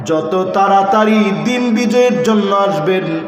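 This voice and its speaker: A male preacher giving an impassioned sermon, swinging from quiet talk to shouting and quizzing his listeners. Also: high voice, a little slow, far from the mic, soft background music. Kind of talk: fiery religious sermon to a crowd. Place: large public gathering. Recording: echoey loudspeaker hall with crowd.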